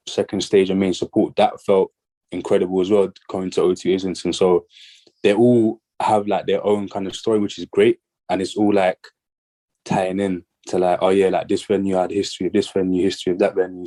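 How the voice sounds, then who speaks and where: A man talks about his music in a loose, rambling way, full of "like" and restarts. His voice is very low and mellow, with little rise and fall. He sounds a bit out of breath. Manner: relaxed, rambling, lots of "like" fillers. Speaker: guest artist and musician. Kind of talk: casual interview chat.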